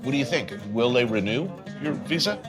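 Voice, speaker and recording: A man's voice: mid-range voice, animated, a little fast. Male host interviewing in a cafe, pushy and probing; heavy music bed. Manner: probing, restarts questions. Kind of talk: interview conversation. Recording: loud music behind.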